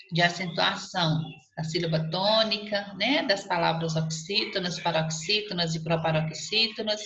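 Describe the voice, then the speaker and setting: A woman's voice: medium pitch, sharp tone, slight background noise. A woman teacher, patiently walking students through a recorded lesson and checking in with them often. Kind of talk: recorded remote class lesson. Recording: echoey room, slightly dull lo-fi audio.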